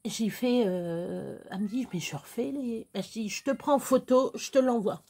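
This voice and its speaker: A woman's voice: a little high, moderate pace, mellow, husky. A woman chatting casually and bluntly into her phone camera at home late at night. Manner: chatty and unfiltered, coos at her pets. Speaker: vlogger. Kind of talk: casual night-time vlog.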